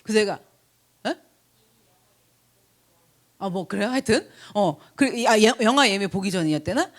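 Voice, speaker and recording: A middle-aged woman pastor telling a chatty, animated story in a sermon, acting out the people she quotes. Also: mid-range voice, moderate pace. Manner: chatty, animated anecdote with laughs and acted quotes. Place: church.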